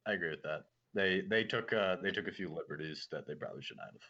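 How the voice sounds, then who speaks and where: Low-voiced laid-back man, dull lo-fi sound. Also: fast, gravelly, sharp tone. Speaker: podcast guest. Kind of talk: casual chat.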